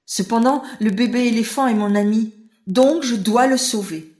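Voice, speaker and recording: A woman's voice: on the high side, moderate pace, a little mellow, reverberant, voice pushed up, lightly acted. A woman voicing a brave little male rat who believes he is an elephant, earnest and kind in a children's audiobook. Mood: pleading.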